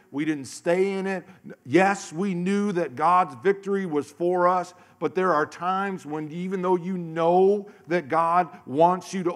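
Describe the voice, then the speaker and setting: A middle-aged man preaches on a large church stage with a handheld mic. His voice sits a touch high for a man. He tells stories, acts out voices, and swings from hushed lines to loud ones. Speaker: pastor. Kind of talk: sermon.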